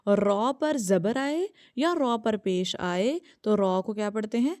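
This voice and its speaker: Patient woman teaching recitation slowly. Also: medium pitch, darkish tone, no room sound, clean studio sound. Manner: patient, repeats and models sounds slowly; asks checking questions and answers them herself. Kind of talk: tajweed lesson for children.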